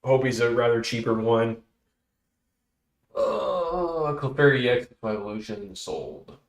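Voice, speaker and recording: A man's voice: medium pitch, normal speed. A man hosting a casual livestream, chatting and muttering to himself with little exclamations as he sorts through items. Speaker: host. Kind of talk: casual livestream chat while sorting cards.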